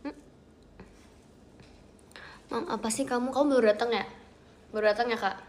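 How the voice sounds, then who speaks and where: A young woman hosting a casual livestream from home, chatting with viewers, thanking them and often dropping into soft whispers. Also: fairly high pitch, moderate pace, background noise. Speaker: idol livestream host. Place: at home, outside her bedroom.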